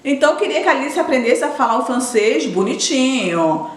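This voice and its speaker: A woman's voice: sits high, sing-song, a little fast. A middle-aged Brazilian woman chatting casually to her viewers as a vlogger, talking directly to them and often restarting her sentences. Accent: Brazilian Portuguese. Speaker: vlogger and educator. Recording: roomy echo.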